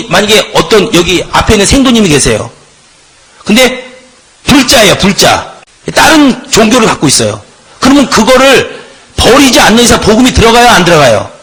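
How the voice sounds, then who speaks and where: Man, middle-aged, Bible teacher, husky high voice, quizzes the class. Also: normal speed, rough recording. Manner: asks the class rhetorical questions; lively, emphatic lecturing. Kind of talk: Bible lecture.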